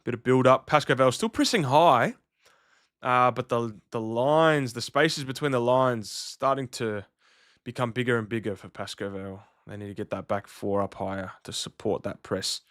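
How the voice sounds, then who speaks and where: A man streaming live, half commentating a local football match and half chatting with his viewers, loose and talkative. His voice is smooth and clear, picked up close on a dry mic. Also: mid-range voice, normal speed, fairly bright tone, dry recording. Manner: chatty, loose, reacting to chat and soundboard clips.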